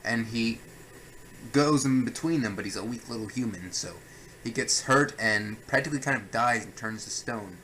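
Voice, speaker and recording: A man's voice: medium pitch, moderate pace, bright, forceful tone, slight background noise, low-quality recording. A young man reviewing a film with a co-host, ranting in a sarcastic, exasperated way. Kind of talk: casual review chat.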